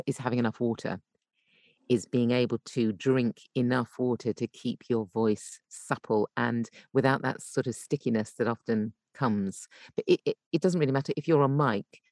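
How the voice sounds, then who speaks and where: Thinking aloud, the guest voice coach and voice actor repeats and rephrases herself while walking through technique on a podcast. Her voice is low and darkish, and the recording is dry with barely any room in it.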